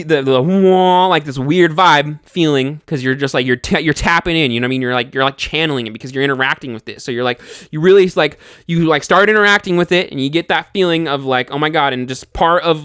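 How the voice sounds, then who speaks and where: A young man telling a scary personal story in casual speech, animated, swearing freely and full of fillers and restarts. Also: on the high side, clean tone, no room sound, clean studio sound.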